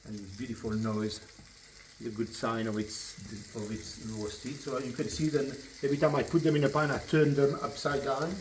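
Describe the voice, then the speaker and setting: A man with a French accent, a chef giving a cooking demonstration in a kitchen, chatty and relaxed, often repeating words as he explains. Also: mid-range voice, moderate pace, slight background noise. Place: kitchen at the stove. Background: sizzling frying pan.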